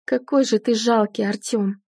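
A woman's voice: fairly high pitch, steady tone, a little slow, darkish tone, dry recording, studio quality. A woman reading the lines of an angry, sarcastic wife confronting her cheating husband, in an audiobook. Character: betrayed wife, adult woman, furious and sharp-tongued.

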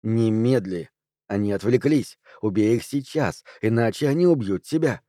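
A man doing a low, slow, sinister inner voice. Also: dark tone, dry recording, studio quality, close to an everyday voice. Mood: whispering. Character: sinister whispering inner voice urging murder, male.

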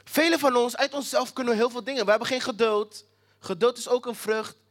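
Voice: medium pitch, steady tone, a little fast. Preacher repeating lines with emphasis. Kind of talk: sermon.

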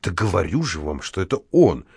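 A man voicing a boastful, ironic middle-aged male locksmith who shouts and sneers in an audiobook. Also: low voice, big pitch swings, brisk, creaky, husky, dry recording, studio quality, exaggerated voice.

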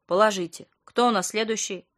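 A woman's voice: medium pitch, steady tone, fairly quick, fairly bright tone, natural voice. A brusque, self-important middle-aged doctor, read by a woman narrator in an audiobook, barely changed from her own voice. He clips his words short and dismissive. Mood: curt. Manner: curt, brusque.

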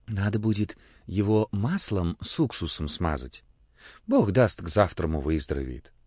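A man's voice: sits low, animated, unhurried, breathy edge, no echo, heavily acted. A man playing a kindly fussing old priest. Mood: concerned. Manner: gentle, fatherly, clucking concern. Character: kindly, fussing elderly male village priest. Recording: dull, muffled audio.

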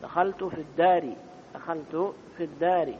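A man teaches a classroom grammar lecture in a mosque. He repeats each key term and keeps asking his listeners short questions. The recording is dull and lo-fi, with a faint rumble behind him. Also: fairly even intonation, normal speed.

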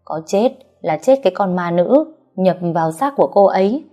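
A woman's voice: medium pitch, animated, moderate pace, warm tone, lo-fi sound, soft background music, natural voice. A woman voicing a self-assured old male exorcist who brushes off worry in an offhand way. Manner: offhand, confident, dismissive of worry. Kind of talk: audiobook character reading.

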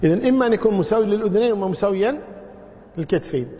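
A man with a high, lively, rapid-fire voice teaches a classroom lesson on prayer as a religious scholar going through a book. He shows wrong pronunciations by stretching words out and tells anecdotes with a chuckle. The recording is dull and lo-fi, made in a reverberant hall.

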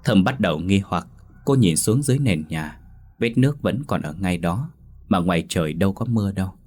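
A man narrating a ghost story in a slow, measured, suspenseful scripted style. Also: low-pitched, expressive, a little mellow.

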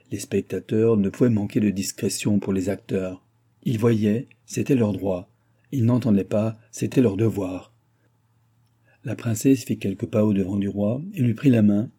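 Dark-voiced male audiobook narrator. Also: on the low side, breathy edge.

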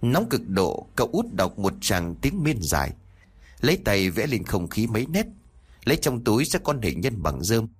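A man reads a village horror tale aloud with a lively, dramatic delivery. His voice sits low and a little husky, rising and falling freely. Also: normal speed. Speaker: storyteller. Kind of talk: horror story narration.

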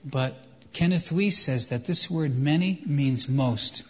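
A man preaching a sermon in short phrases, pausing for his interpreter. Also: a little high, slightly rough. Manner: emphatic, pauses for translation. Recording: echoey hall, dull sound.

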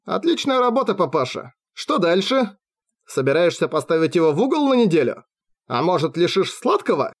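A man's voice: high-pitched, sing-song, normal speed, pitched above the performer's own voice. A man voicing an unhinged, mocking young man in an audiobook, his lines sneering and maniacal. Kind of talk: audiobook character voice.

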